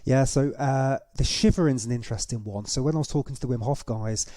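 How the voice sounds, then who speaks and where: A man's voice: medium pitch, fast, dark tone, dry recording, clean studio sound. A man hosting a reaction video, giving casual, conversational commentary and explaining things as he goes. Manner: explanatory, conversational, with tag questions.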